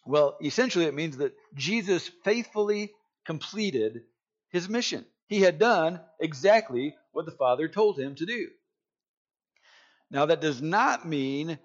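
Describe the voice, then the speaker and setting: A male pastor preaching a sermon with earnest emphasis, slowing down to stress key phrases. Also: highs cut off. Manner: earnest preaching, building in force and pitch as he goes. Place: church, streamed online during a lockdown.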